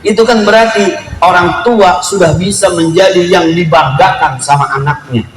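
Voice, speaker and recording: A man preaching a storytelling sermon at a family celebration, lively and joking, acting out quotes in street slang. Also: sits high, normal speed, faint music behind. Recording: echoey room with faint ambience.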